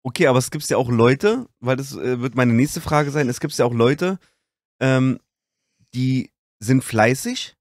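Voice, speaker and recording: A man interviewing a guest in a casual way, asking questions with relaxed street slang. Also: mid-range voice, measured pace, no room sound, studio quality.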